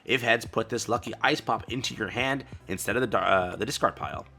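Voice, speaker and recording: Excitable bright-voiced man reacting. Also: fairly low pitch, a little fast, creaky, faint music behind. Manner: excitable, exclaiming, slangy with bro and dude. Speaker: card game content creator. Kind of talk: excited casual reaction commentary.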